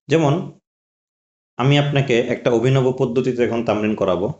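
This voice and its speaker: A man teaching a patient language lesson at a steady middle pitch. He says each phrase slowly and repeats it, then asks the listener to answer. The recording sounds roomy and slightly dull. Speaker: Arabic teacher. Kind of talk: spoken lesson drilling questions and answers.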